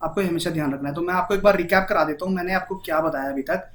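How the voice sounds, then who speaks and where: A man's voice: on the high side, rapid-fire. Indian man casually teaching code. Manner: repeats "ठीक है?" and mixes English terms into Hindi. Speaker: programming teacher. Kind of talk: casual Hindi coding lesson.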